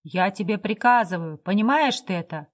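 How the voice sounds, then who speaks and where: A woman reading the part of a drunk, coarse man who gives rough, sneering commands. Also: medium pitch, expressive, normal speed, close to an everyday voice. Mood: bullying.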